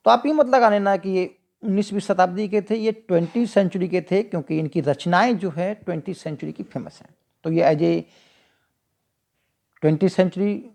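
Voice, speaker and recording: Slow, gravelly Indian-accented teacher. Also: mid-range voice, warm tone. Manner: reads English questions slowly, then explains at length; asks the listener and answers itself. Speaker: English exam-prep teacher. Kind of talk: explaining multiple-choice questions.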